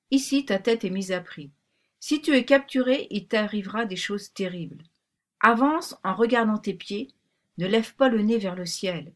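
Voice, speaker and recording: A bossy talking pink rabbit, put on by a woman reading aloud, brisk and commanding, with a secretive edge. The voice sits a little above her own, in a storybook telling. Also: mid-range voice, lightly acted.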